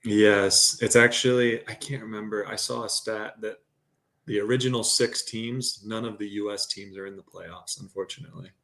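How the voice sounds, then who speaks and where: A man with a low, gravelly voice comes in as a guest over a video call. He answers in a matter-of-fact way with a light teasing edge, in relaxed chat. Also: normal speed. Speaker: podcast guest. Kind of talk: casual chat.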